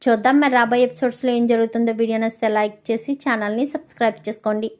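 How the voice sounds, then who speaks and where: A woman's voice: fairly high pitch, steady tone, fast, darkish tone. A woman narrator retelling a TV serial episode, linking quotes with repeated tag phrases.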